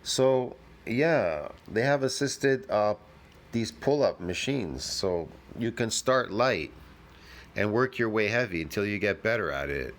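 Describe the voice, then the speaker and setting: A man's voice: on the low side, expressive, unhurried. A man giving blunt, casual commentary as he reacts to a clip, brash and argumentative, swearing freely.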